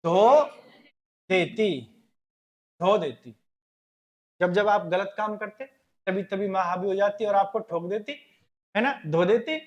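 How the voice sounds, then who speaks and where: Slow, emphatic man teaching a class. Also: high voice, lo-fi sound. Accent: Rajasthani Hindi. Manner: loud, emphatic, drills words syllable by syllable. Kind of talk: classroom lecture with memory trick.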